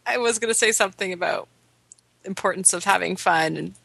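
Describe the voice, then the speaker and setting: A woman co-hosting a podcast in an easygoing way, quick to laugh. Her voice is bright and forceful, and it is recorded dry and close. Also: mid-range voice, vocal fry, slightly rough, no room sound, low-quality recording. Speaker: podcast co-host. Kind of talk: casual chat.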